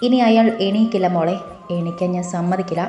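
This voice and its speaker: A woman voicing a calm, quietly confident young man who plays the protective big brother in an audio story. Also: fairly low pitch, fairly quick, natural voice. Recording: roomy with faint music.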